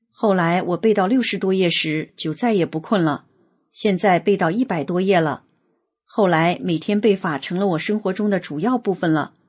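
Husky woman reading an earnest testimony. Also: medium pitch, darkish tone. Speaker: reader of a personal testimony. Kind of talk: scripted reading of a spiritual testimony.

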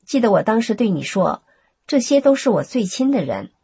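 An earnest young mother speaks plainly and gratefully, as a woman narrator reads her lines in a storytelling reading. The voice is husky and breathy, with a lively, varied pitch, recorded dry and close. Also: normal speed, no room sound, exaggerated voice.

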